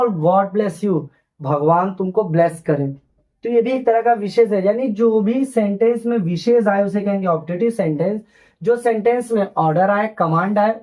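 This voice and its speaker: A man's voice: high-pitched, darkish tone, rough recording. Patient male teacher explaining grammar. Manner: patient, repeats each point and spells out English examples slowly. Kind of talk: grammar lesson for children.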